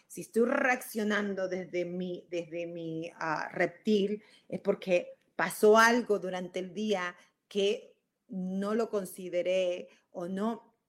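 A woman with an Argentine accent giving an animated motivational talk, acting out everyday scenes. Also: medium pitch. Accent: Argentine Spanish. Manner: animated, acts out everyday scenes, frequent fillers.

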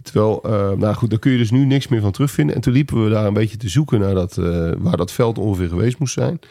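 A man with a Dutch accent hosting a casual podcast chat, measured and a little hesitant in delivery. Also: lowish voice, creaky, warm tone, no room sound, studio quality. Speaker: podcast host.

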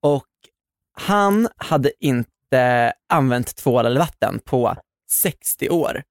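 Lively, joking podcast co-host. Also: mid-range voice, dry recording, clean studio sound. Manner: playful, quick with jokes. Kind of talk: casual chat.

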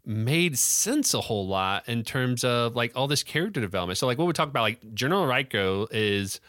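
A man co-hosting a podcast in casual chat, chatty and quick to laugh. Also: mid-range voice, no echo, studio quality. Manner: laughs often, animated and chatty. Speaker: podcast co-host.

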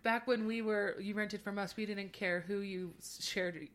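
A woman's voice: mid-range voice, steady tone, normal speed. A woman co-hosting a podcast, chatting casually in a wry, joking way. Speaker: podcast co-host. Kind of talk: casual chat.

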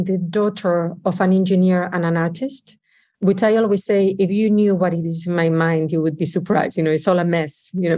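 Spanish woman talking thoughtfully in an interview, lowish voice, warm and mellow, lots of restarts. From Spain. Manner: reflective, frequent restarts and "you know". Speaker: guest. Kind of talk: conversational interview.

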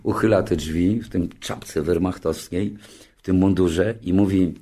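A man in his sixties, a television show creator, telling an anecdote in a lively way. He often restarts his sentences and jumps into higher voices when he quotes other people. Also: unhurried. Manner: frequent restarts and filler words. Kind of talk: anecdotal storytelling.

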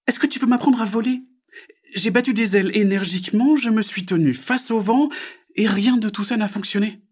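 A small, hopeful tree frog with a squeaky, high voice, as a man puts her on. She pleads eagerly and sounds a little husky underneath. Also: a little fast.

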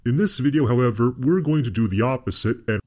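A man's voice: medium pitch, fast, darkish tone. A man narrating an online how-to video through a voice changer, in an upbeat, scripted explainer style.

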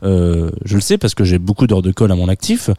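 A man's voice: low voice, a little fast, mellow, dry recording. A man from France giving a chatty, playful radio music column, rambling a little with frequent hesitations, recorded in a radio studio.

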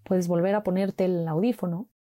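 A woman slowly guiding a mindfulness walk with calm, gentle instructions and long pauses. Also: fairly low pitch, dry recording, studio quality. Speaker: meditation guide.

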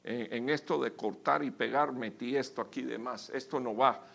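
A male pastor preaching a sermon with emphatic, sudden loud bursts, calling his listeners brother. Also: mid-range voice, moderate pace, creaky.

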